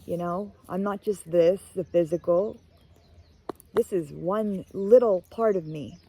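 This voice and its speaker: A woman's voice: on the low side, a little slow, warm tone, a little hiss or hum, rough recording. A woman giving a casual, heartfelt tarot card reading, rambling and emotional as she talks to viewers. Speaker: tarot reader.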